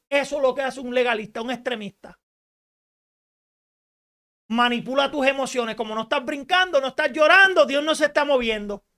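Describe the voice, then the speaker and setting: Emphatic, bright-voiced woman radio preacher. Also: high-pitched. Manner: emphatic preaching, rises to shouts, rhetorical questions. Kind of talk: radio sermon.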